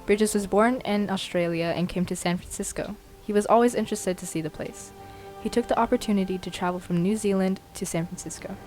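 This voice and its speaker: A woman's voice: mid-range voice, a little fast, darkish tone, faint music behind, poor audio. A woman narrating a student history documentary, reading evenly from a script.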